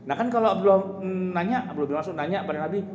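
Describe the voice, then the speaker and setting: Joking preacher. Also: male voice, high-pitched, quick pace. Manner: humorous, chatty, laughing often, addressing the audience directly. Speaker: Islamic preacher. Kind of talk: informal religious lecture. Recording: echoey hall with loud ambient noise.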